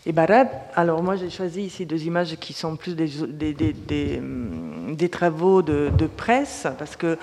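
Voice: medium pitch, animated, unhurried, few pauses, darkish tone, long reverb tail, slight background noise. A panel moderator asking questions with many hesitant restarts.

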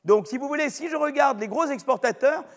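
Middle-aged guy giving a lecture, kinda high voice, rambles and restarts a lot, big hall echo. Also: brisk. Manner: rambling, self-interrupting, addresses the audience with "vous voyez". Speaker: economics lecturer. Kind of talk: university lecture. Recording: long reverb of a lecture hall.

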